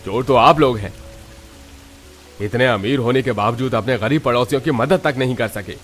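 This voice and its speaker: A man voicing a rich, stern employer who scolds loudly and commands. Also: medium pitch, a little fast, soft background music, lightly acted. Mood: indignant. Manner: loud, scolding.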